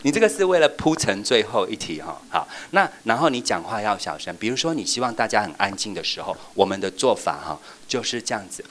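A man training children's church teachers in a workshop, playful and lively, acting out examples as he goes. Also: on the low side, a little fast, few pauses.

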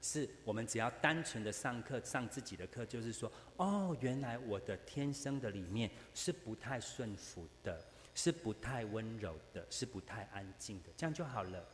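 A man's voice: mid-range voice, animated, moderate pace, few pauses. A man teaching a Bible class to women, joking and constantly asking the class rhetorical questions. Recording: echoey hall with faint hum.

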